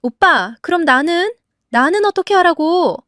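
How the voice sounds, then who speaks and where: A self-pitying young sister-in-law complains shrilly and demands help, voiced by a woman. Her voice climbs high, with a dry, close sound. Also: expressive, a little slow, a bit bright, no echo, exaggerated voice. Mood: whiny.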